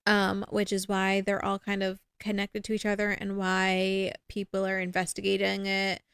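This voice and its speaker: A woman's voice: mid-range voice, monotone, moderate pace, fairly bright tone, clean tone, dry recording. Rambling woman podcaster, dry close sound. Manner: rambling, filler-heavy, self-deprecating. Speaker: podcast co-host. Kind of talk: casual chat.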